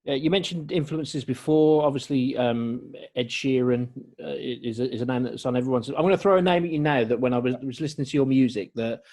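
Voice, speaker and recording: A man's voice: mid-range voice, fairly quick, few pauses, darkish tone. A man in his late thirties hosting a radio show, asking questions casually with frequent repeated words. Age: 30s. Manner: stumbling, repeats words often.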